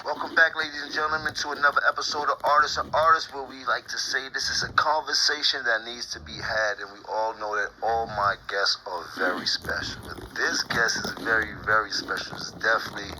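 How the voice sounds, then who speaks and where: A man's voice: medium pitch, steady tone, a little fast, few pauses. A man hosting an interview show, introducing his guest in a friendly way and asking questions with many ums and uhs. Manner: friendly, hesitant, many fillers. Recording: noticeable background noise.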